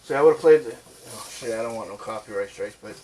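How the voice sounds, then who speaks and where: A man's voice: lowish voice, fast talker, noisy background. A man hosting a casual cooking vlog from his kitchen, joking and rambling as he adds ingredients step by step. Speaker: cooking channel host. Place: home kitchen.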